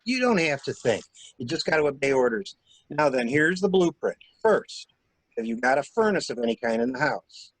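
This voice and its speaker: This reader's stranger is commanding: a composed gentleman briskly and wryly running a cover-up in an amateur mystery drama. The man delivers him in a mid-range voice that is very animated.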